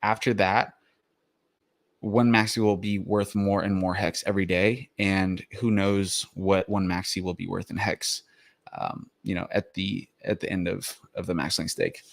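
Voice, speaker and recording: A man's voice: low-pitched, little pitch movement, unhurried, gravelly. A man hosting a crypto explainer, talking casually with many fillers and restarts, a little out of breath after the gym. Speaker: crypto video host.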